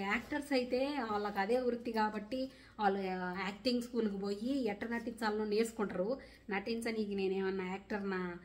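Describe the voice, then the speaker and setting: A woman's voice: medium pitch, slight background noise. A young woman from Rayalaseema with a Rayalaseema Telugu accent, answering viewer questions in a casual vlog in an earnest, rustic village way of talking. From Rayalaseema, India. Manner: earnest, rustic village dialect, defends herself plainly. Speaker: vlogger.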